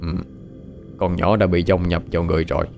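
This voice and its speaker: A man voices a grave old village exorcist in a spoken ghost story, his voice low. He talks sternly. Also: flat delivery, brisk, vocal fry, a little mellow, soft background music.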